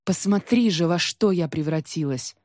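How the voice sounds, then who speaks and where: A woman's voice: on the low side, moderate pace, a little mellow, dry recording, studio quality, natural voice. A woman voicing a proud, bitter young tsaritsa who speaks coldly and insistently in a storybook reading. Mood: pleading. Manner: cold, prickly, insistent.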